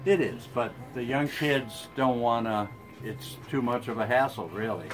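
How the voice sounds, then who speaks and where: A man's voice: mid-range voice, measured pace, faint music behind. A man running a record store, chatting casually and giving practical advice about needles and records. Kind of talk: casual chat. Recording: off-mic in noisy store.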